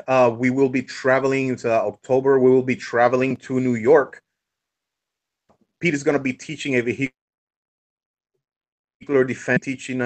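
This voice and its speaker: A man working as a firearms instructor, speaking in a casual interview with frequent pauses, uhs and restarts. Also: medium pitch. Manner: halting, many hesitations and restarts.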